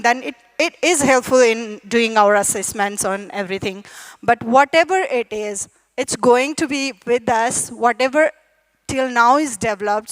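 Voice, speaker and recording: A woman's voice: fairly high pitch, a bit bright. A woman from Nepal giving a friendly, chatty conference talk in a hall, with frequent fillers. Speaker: conference speaker. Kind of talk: conference presentation.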